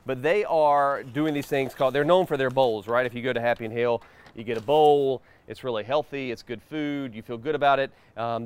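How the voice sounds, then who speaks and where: A man's voice: medium pitch, clear, resonant tone. A man hosting a casual interview show, recorded outdoors in a backyard.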